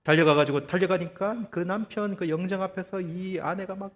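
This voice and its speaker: A man preaching a sermon as pastor, telling a story with lively, acted-out quotes and rhetorical questions to the congregation. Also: sits high, fairly quick, in a large hall. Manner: animated storytelling, acting out quoted voices. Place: church.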